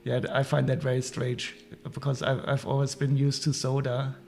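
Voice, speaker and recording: A man's voice: medium pitch, monotone, moderate pace, gravelly, darkish tone, slight background noise. A man with a German accent, chatting casually with viewers as a livestream host while sorting toy parts. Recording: faint music behind.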